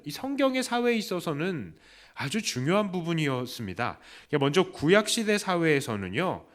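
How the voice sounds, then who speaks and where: A male pastor delivers a Sunday sermon in a fairly high voice that rises and falls a great deal. He keeps asking his listeners questions and jumps up to act out the voices of the people he quotes. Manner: lively preaching with questions to the congregation; acts out quoted voices with raised pitch. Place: church.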